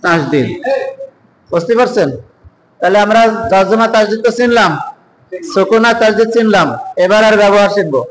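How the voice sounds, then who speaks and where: A man teaching Quran reading to a class, asking questions and drilling sounds slowly for the students to repeat. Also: sits high, big-room sound, a little hiss or hum, rough recording. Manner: asks the class questions and answers them.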